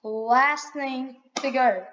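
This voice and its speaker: Slow-talking young-sounding woman tutorial voice. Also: sits high, muffled recording, a little hiss or hum. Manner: relaxed, self-correcting, chatty asides. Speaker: tutorial maker. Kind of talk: casual screen-recorded tutorial.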